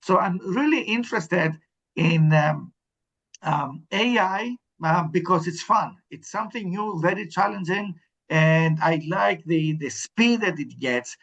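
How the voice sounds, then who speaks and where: A man's voice: high-pitched, a little slow, fairly bright tone, muffled recording. A middle-aged man from Sweden, an interim dean, answering panel questions over a video call, with frequent ums and restarts. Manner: hesitant, many ums and restarts.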